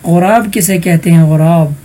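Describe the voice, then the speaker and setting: A man leads an online Arabic vocabulary class in a husky, slightly breathy voice. His tone is mellow and warm, and he patiently quizzes students one by one. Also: on the high side. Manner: patient, calls on students by roll number. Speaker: teacher.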